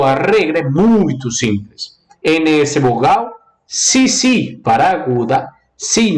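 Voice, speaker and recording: Animated male Spanish teacher, echoey room. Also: mid-range voice. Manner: lively, repeats rules in a singsong way, mixes Portuguese and Spanish. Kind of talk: live online language lesson.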